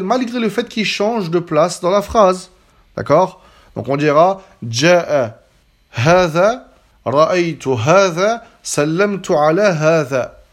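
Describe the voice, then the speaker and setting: A man teaching Arabic grammar in French, explaining patiently. He keeps checking that his listeners follow and slows down to spell out each example word. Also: on the high side. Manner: patient, checks understanding with frequent "d'accord?". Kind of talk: explanatory lesson.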